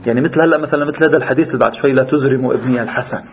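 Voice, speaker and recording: A man's voice: medium pitch, rapid-fire, highs cut off. A man with a Levantine Arabic accent teaching a religious class informally, explaining animatedly and shifting between classical and colloquial speech. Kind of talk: informal lecture with discussion.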